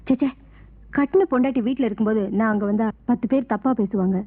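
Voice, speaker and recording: A woman's voice: on the high side, quick pace, dry recording, lightly acted. An actress playing a sly, sweet-talking young woman who teases and coaxes. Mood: teasing. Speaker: film actress. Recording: tinny lo-fi film soundtrack.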